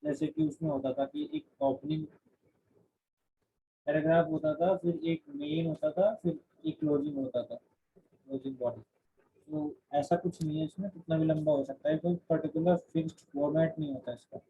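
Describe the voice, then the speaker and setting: A man's voice: fairly high pitch, lively intonation, moderate pace, gravelly, breathy edge. A man teaching a class, explaining in Hindi mixed with English terms and often restarting his sentences. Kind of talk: classroom lecture. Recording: dull lo-fi recording.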